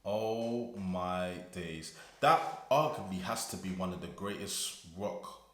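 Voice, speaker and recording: A man's voice: low voice, animated, takes it slowly, fairly bright tone, roomy sound. A British man hosting a music reaction channel, gushing and breathless, full of fillers and restarts. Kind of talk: excited music reaction commentary.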